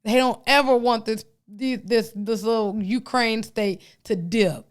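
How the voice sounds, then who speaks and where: Smooth-voiced woman podcast host riffing. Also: on the high side, steady tone, measured pace. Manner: conversational, reads news excerpts aloud with asides. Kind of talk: casual opinion monologue.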